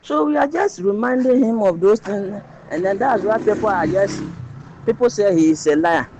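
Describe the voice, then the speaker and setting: A man's voice: high-pitched, animated, moderate pace, darkish tone, highs cut off, slight background noise. A man giving his political opinion in a phone voice message played on air, insistent and often repeating and restarting his phrases. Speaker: listener sending a voice note.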